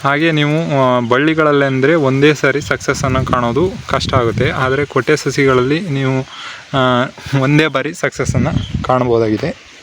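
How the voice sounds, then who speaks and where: A man's voice: medium pitch, steady tone, normal speed, a bit bright, a little hiss or hum. A man from Karnataka hosting a farming channel, talking loosely through plantation tips with fillers and restarts, outdoors on a plantation. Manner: unscripted, many fillers and restarts. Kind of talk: casual farming how-to talk.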